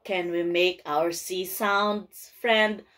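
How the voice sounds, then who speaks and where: A woman's voice: lowish voice, steady tone, slow, a bit bright. A woman talking to a toddler in simple, repeated, encouraging phrases as she teaches shapes, colors and short sentences.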